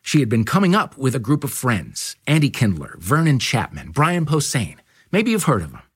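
A man's voice: mid-range voice, huge pitch swings, moderate pace, husky. A man hosting a podcast, narrating scripted links in a wry, playful way. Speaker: podcast host.

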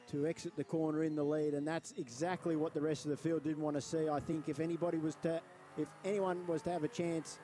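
High, mellow man commentating on motorsport. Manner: explains moves conversationally, restating and correcting himself. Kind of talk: live analytical motorsport commentary. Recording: clear engine and trackside noise behind. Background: race cars, outdoor circuit ambience.

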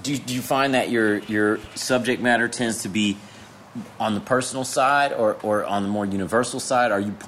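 On the low side but fairly bright, the voice belongs to a thirty-something man hosting a relaxed interview podcast. His salty, informal talk stumbles into restarts whenever he explains something. Background noise is noticeable throughout.

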